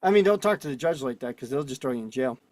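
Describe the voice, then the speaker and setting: A man's voice: mid-range voice, lively intonation, quick pace, darkish tone, dry recording. Argumentative man teaching over a call. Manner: argumentative, keeps checking in with "right?" and "okay?". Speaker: instructor. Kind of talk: casual teaching on a video call. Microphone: video call.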